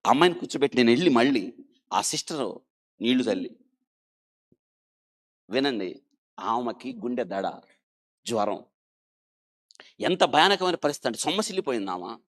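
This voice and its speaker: A male doctor recounts a story in an interview with lively, rising and falling pitch at a middle register. He swings from loud, emphatic bursts to hushed asides, and keeps urging his listeners to stop and think. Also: normal speed, pauses often. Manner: dramatic, animated storytelling that swings between loud emphasis and quiet.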